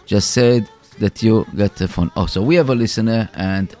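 Halting male radio co-host over music. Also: lowish voice, warm tone. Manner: halting, repetitive, circles back on phrases. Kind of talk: improvised radio announcements and sponsor plugs.

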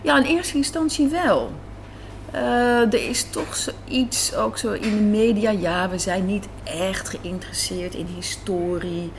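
In a café with faint ambience and light room noise in the background, a woman with a mid-range voice speaks a little slowly. She's being interviewed as a writer, talking informally, thinking aloud and repeating phrases for emphasis.

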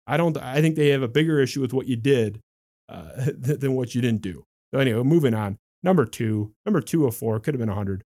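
A man's voice: medium pitch, a little mellow. A man hosting a talk show, delivering a sarcastic, exasperated political monologue and mocking the statements he reads out. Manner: sarcastic, exasperated, reads quotes aloud and mocks them. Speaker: podcast host.

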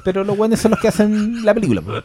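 Un hombre con acento chileno, copresentador de un pódcast, que habla de cine con entusiasmo y mucha jerga coloquial. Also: male voice, sits high, rapid-fire, husky. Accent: Chilean Spanish. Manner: animated, slangy, with frequent filler tags. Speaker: podcast co-host. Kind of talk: casual film review chat.

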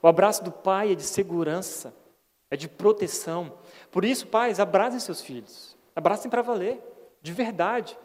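Preaching in a church hall thick with long reverb, this Brazilian Portuguese-accented pastor speaks at a normal pace in a high-pitched, slightly mellow voice. His sermon is conversational, earnest and folksy, and he frequently seeks agreement from the crowd.

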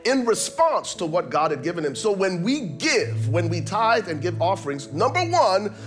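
A male pastor preaches in a slightly raised voice, emphatic and rhythmic. He often repeats words and lines them up in pairs for effect. Faint music plays quietly behind his sermon. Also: sits high, big pitch swings, normal speed. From Liberia.

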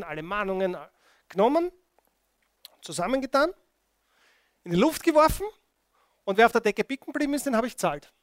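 A man preaching a sermon, retelling a story in an animated way and checking in with his listeners. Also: high voice, dry recording. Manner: animated storytelling, addressing the congregation with frequent "okay?".

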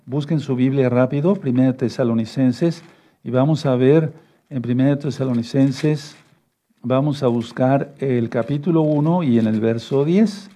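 Guy preaching a sermon, super dark mellow voice, reads verses slow and keeps asking "right?". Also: mid-range voice. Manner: fatherly, repeats "no, no, no" and asks "¿sí?"; reads verses slowly and rereads them. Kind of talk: sermon teaching with scripture reading.

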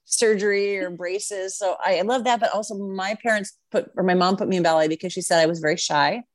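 A woman in her sixties hosts a casual interview with chatty, wandering asides. Her voice sits at a middling pitch for a woman, and the sound is dry, with no room around it. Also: fairly quick, no room sound. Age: 60s. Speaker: podcast host and interviewer.

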